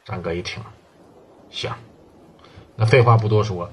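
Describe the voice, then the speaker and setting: A man with a Northeastern Mandarin accent telling a gangland tale in colloquial, animated storytelling style, slipping into characters' voices. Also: lowish voice, a little slow, slightly rough. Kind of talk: oral crime storytelling.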